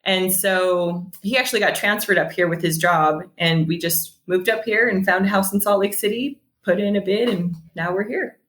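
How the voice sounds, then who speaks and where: With a mid-range voice, a moderate pace, and barely any pauses, this San Jose woman in her thirties chats as a podcast guest in a roomy-sounding space. She owns a bakery and tells conversational stories, laughing frequently and acting out what people said.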